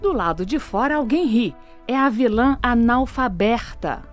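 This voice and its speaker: A woman's voice: a little high, expressive, a little slow, soft background music. A woman narrating a scripted children's story.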